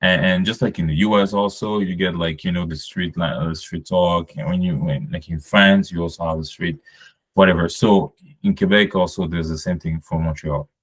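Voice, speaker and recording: Deep-voiced man from Cameroon, rambling chat. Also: fairly even intonation, moderate pace. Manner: rambling, many fillers and restarts. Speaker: podcast guest. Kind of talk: casual conversation.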